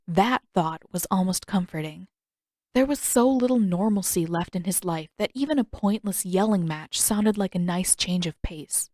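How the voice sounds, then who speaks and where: Reading a scripted piece of fiction like an audiobook narrator, a woman speaks at a middle pitch with a darkish tone. The recording is dry, with no room sound around her.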